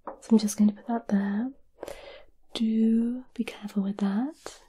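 A woman doing a whispered role-play as a gentle, caring witch, soothing and a little hesitant, close to the microphone. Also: fairly high pitch, steady tone, a little slow, a little hiss or hum. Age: 20s. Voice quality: breathy whisper. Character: gentle, caring centuries-old witch offering potions. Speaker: ASMR performer. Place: small candlelit indoor room.

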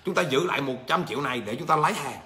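A male business trainer, teaching a livestream lesson and answering viewer comments in a lively, repetitive way. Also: a little high, very fast. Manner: animated, repeats phrases, rises sharply when rebutting.

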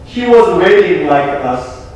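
A young man with a Korean accent, a pastor delivering an earnest, emphatic sermon with deliberate pauses. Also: high-pitched, animated, darkish tone. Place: small church sanctuary. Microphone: room mic from a distant camera. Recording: echoey church from far off.

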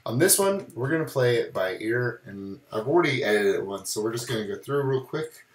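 A brisk, mid-range man's voice narrates a photo edit on a screen recording, in a roomy-sounding space. He's still getting his voice back after bronchitis. He walks through it casually and relaxed, with plenty of "we're gonna."

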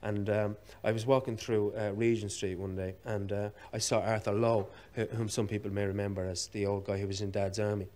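An Irish man in his thirties speaks in a somewhat low voice as a guest on a television interview. He tells wry stories with frequent ums and uhs. His delivery is unhurried and reflective. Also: flat delivery, mellow. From Ireland. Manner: hesitant, many ums and uhs, wry storytelling. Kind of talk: anecdotal interview chat. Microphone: television studio microphone.

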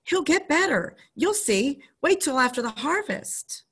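A woman voicing a stubborn, loyal ten-year-old farm boy in a storybook reading, pitching her voice up to sound earnest and pleading. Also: very animated, unhurried, a bit bright, heavily acted. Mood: insistent.

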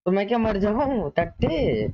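A young man chatting excitedly and joking with friends during an online shooter game. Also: high voice, a little slow, background noise. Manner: excited, pleading, joking banter. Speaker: gamer. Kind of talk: casual gaming chat. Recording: dull lo-fi voice chat.

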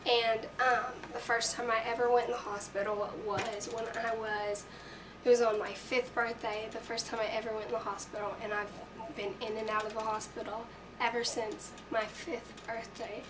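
A teenage vlogger with a raspy, slightly high voice chats earnestly to her webcam from a small bedroom, speaking at a moderate pace with plenty of ums and a flat, even delivery. She sits back from the mic, so the distant webcam audio carries a steady hum of noise.

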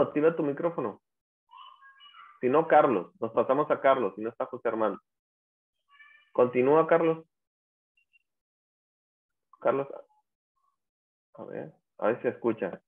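Un hombre que da una clase de inglés en línea, explicando con paciencia paso a paso y llamando a los alumnos por su nombre. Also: male voice, mid-range voice. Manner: patient, explains step by step, repeats students' names. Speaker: English teacher. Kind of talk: online class instruction. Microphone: video call. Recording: tinny lo-fi call audio.

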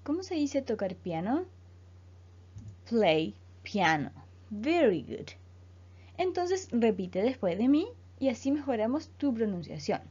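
A woman from Chile, an English teacher speaking slowly and clearly as she leads a school lesson. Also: on the high side, big pitch swings, dark tone. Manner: slow, clear teacher delivery, repeating words for students. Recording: dull lo-fi voice recording.

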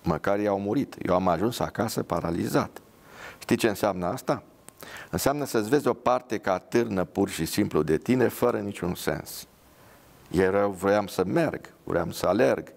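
A man's voice: lowish voice, animated, gravelly, a little mellow. A man voicing a bitter, paralysed young soldier who speaks angrily and sarcastically. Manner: angry, sarcastic.

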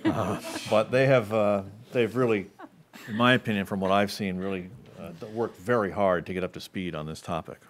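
A man on a town select board talking through budget numbers at a meeting, measured and hedging, with frequent restarts, into a table microphone in a meeting room. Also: lowish voice.

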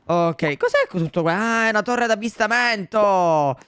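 A young man narrates his game to viewers in a high, smooth, clear voice. He is excitable and quick to exclaim at whatever happens on screen. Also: no room sound, studio quality. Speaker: gaming YouTuber. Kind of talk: Let's Play commentary.

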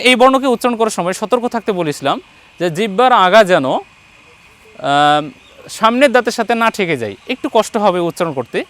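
His voice sits high with a fairly bright tone as he leads a patient pronunciation lesson for one student. He recites the Quran's letter sounds individually for the learner to copy and keeps encouraging him.

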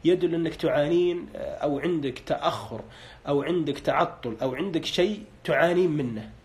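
A man's voice: on the high side, fairly quick, a little mellow, slightly rough. A man on a live broadcast, interpreting dreams and asking callers short questions, with a pious, hedging way of speaking. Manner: hedging with religious phrases.

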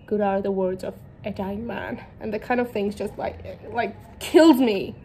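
A woman's voice: mid-range voice, fairly even intonation, moderate pace, mellow, slight background noise. A young woman from Georgia, a native Georgian speaker, chatting casually in English about her books, giggly and self-deprecating. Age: young adult. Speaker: book vlogger. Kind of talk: casual chat.

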